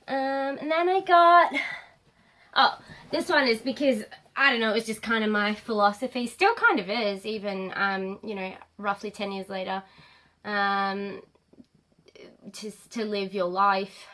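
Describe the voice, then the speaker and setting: A woman in her late twenties, nasal from a cold, chatting to camera as a vlogger, rambling with many pauses and ums. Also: medium pitch, fairly bright tone. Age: late 20s. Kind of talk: casual chat to camera.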